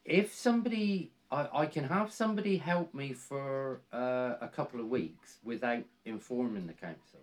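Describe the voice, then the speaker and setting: A man in his sixties with a Cornish accent, talking casually in an interview in a halting way, circling back over his phrases. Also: medium pitch, lively intonation. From Cornwall, England. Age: 60s. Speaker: interviewee, volunteer woodland ranger.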